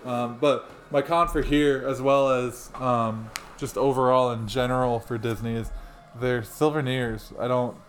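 A man co-hosting a relaxed podcast, talking with an ordinary middle pitch. He rambles and restarts often, filling pauses with ums. A faint hiss sits under his voice. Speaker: podcast co-host. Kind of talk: casual chat.

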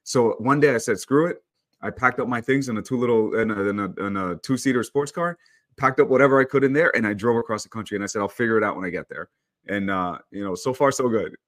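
A man's voice: lowish voice, fast. A man in his thirties, born in El Salvador, telling his story as a photographer guest in a casual interview. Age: 30s. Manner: chatty, storytelling, relaxed.

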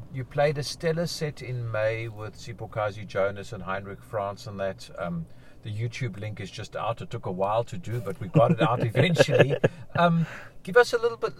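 A man's voice: fairly high pitch, a little hiss or hum. A man hosting a podcast, asking questions eagerly and stumbling over repeated words. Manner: enthusiastic, stumbling repeats, chuckles. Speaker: podcast host. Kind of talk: interview questions.

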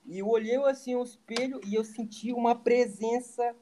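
A man hosting a casual podcast chat, telling stories in an animated way and acting out quoted lines. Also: very high voice, normal speed, slight background noise.

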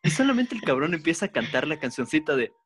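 A man's voice: a little high, sing-song, quick pace, fairly bright tone, a little hiss or hum. A young man telling crude, jokey stories in casual chat.

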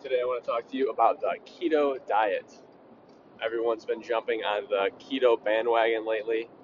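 A man's voice: medium pitch, steady tone, a little fast, dull audio, a little hiss or hum. A young man hosting his own podcast, talking casually and bluntly, with the odd swear word. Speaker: podcast host. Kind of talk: casual solo podcast talk.

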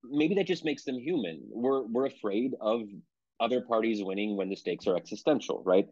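This American author from Pennsylvania speaks at medium pitch, expressively and at a moderate pace, with a darkish tone. As an interview guest he's thoughtful, hedges his points and frequently starts over, captured in a dull, dry lo-fi recording without room sound.

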